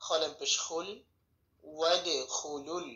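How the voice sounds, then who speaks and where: A man teaching a tajweed lesson, spelling out letters and vowels slowly and carefully. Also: on the high side, flat delivery, sharp tone. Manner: slow, methodical spelling of syllables, drawn-out chanted recitation. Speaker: Quran recitation teacher. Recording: echoey room, dull lo-fi sound.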